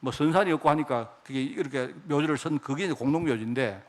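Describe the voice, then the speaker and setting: A man preaching a sermon as pastor, talking in a lively conversational way with many rhetorical questions to the congregation and acting out quoted speech. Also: medium pitch, fast talker. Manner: acts out God's and others' speech in quoted lines.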